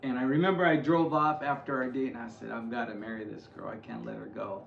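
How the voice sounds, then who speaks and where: A man in his forties from the United States chatting casually with his wife, relaxed and thoughtful, with filler pauses. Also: mid-range voice, vocal fry, echoey room, dull audio, a little hiss or hum. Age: 40s. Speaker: co-host. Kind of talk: casual chat.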